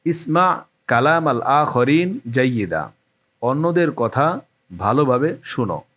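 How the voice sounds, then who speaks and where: Male language teacher, mid pitch, patient and repetitive delivery, slightly dull recording. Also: animated, slow pace, a bit bright. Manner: patient, repeats each phrase with its translation. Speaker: Arabic teacher. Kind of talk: spoken language lesson.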